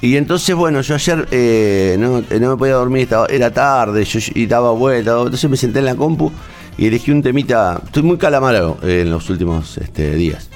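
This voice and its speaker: A man's voice: mid-range voice, expressive, a little fast, faint music behind. A man with an Argentine Spanish accent, talking in a casual, rambling, emotional way as a host, with many restarts. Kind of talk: casual on-air chat.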